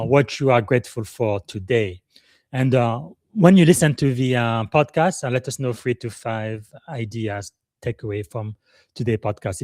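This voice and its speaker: A man's voice: mid-range voice, a little mellow, dry recording, studio quality. A middle-aged man from Congo, hosting a live podcast in an earnest, emotional way, with many hesitant "uh" fillers. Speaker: podcast host.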